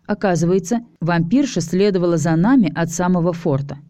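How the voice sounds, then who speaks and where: Mellow low-voiced woman reading a story. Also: a little fast, no room sound. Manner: even, steady storytelling voicing a male first-person narrator. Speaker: audiobook reader. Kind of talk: scripted narration.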